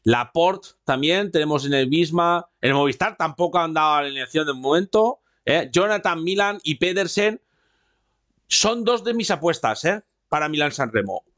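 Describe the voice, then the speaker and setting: A man's voice: on the high side, expressive, moderate pace, a bit bright. A man hosting a casual podcast, rambling and repeating himself, tagging his sentences with a questioning "eh". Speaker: podcast host. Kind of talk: casual cycling chat with live chat.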